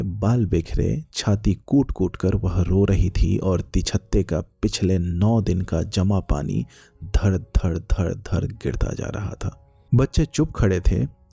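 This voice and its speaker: A man narrating a literary short story in a slow, measured storytelling manner. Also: sits low, vocal fry, warm tone, breathy edge, no echo.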